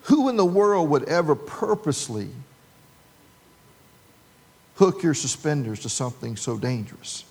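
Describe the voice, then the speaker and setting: A man's voice: on the high side, lively intonation, measured pace, pauses often, a little mellow. A man delivers a sermon in a slightly raised voice. He tells a long humorous story and gives the people in it voices. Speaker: pastor.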